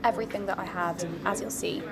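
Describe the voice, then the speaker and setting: A woman's voice: mid-range voice, fairly even intonation, quick pace, creaky, very noisy. A woman giving a casual, chatty, understated voice-over review as a food and travel vlogger.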